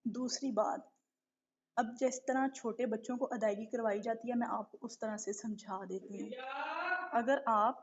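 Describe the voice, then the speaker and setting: A woman's voice: fairly high pitch, fairly even intonation. Patient woman teaching recitation, lo-fi audio. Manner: patient, explanatory, keeps checking with a repeated question; demonstrates letter sounds slowly and drawn out. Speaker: tajweed teacher. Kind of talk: live online lesson. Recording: dull lo-fi online stream audio.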